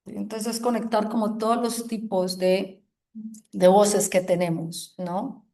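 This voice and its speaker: A woman teaching a yoga group in a gentle, reflective way, often checking in with the listeners. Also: medium pitch, flat delivery. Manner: slow, soothing, asks "¿sí?" often. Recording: roomy echoing room.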